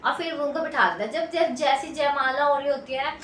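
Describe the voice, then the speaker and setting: A woman's voice: high voice, brisk, fairly bright tone. A woman tutor casually retelling a textbook story, rambling with many fillers and restarts. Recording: echoey room, distant mic, faint noise.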